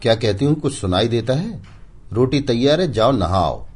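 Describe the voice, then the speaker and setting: A man voicing a sharp-tongued young village wife with a taunting, biting manner. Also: fairly low pitch, very animated, moderate pace, breathy edge, voice pushed up. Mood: scolding.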